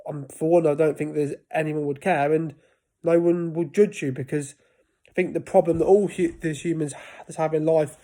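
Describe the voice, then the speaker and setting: Speaking to camera, a man in his 30s chats about life with a stutter, frequently stopping and restarting words. He's a vlogger whose voice is warm in tone and on the high side.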